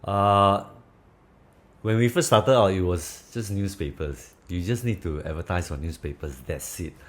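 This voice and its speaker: Singaporean guy, really low voice, casual manglish chat with lots of lah and leh. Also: unhurried. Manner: Singlish/Manglish particles and slang. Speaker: property agent, interview guest. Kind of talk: casual chat in Manglish-style colloquial English.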